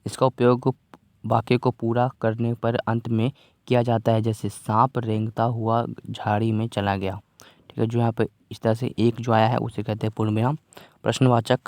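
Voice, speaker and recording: A man's voice: lowish voice, darkish tone, no echo. A man teaching a worksheet lesson to young children in a casual, patient way, often repeating himself and asking if they follow. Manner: patient, repeats phrases and keeps asking "theek hai?".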